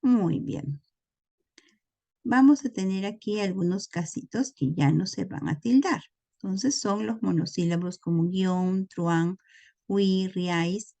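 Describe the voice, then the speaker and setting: A woman's voice: medium pitch, slow, vocal fry, mellow. A woman teaching a recorded lesson, explaining patiently and often checking in with her listeners. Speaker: language teacher.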